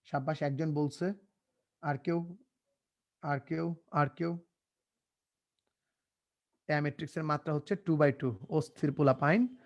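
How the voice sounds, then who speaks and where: A young man teaches a live online class, joking and coaxing his students to answer. His voice sits a little high. The recording is close and dry, with no room sound. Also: fairly even intonation, measured pace, pauses often, no room sound, muffled recording. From Bangladesh. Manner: casual, joking, repeats himself, coaxes students to answer.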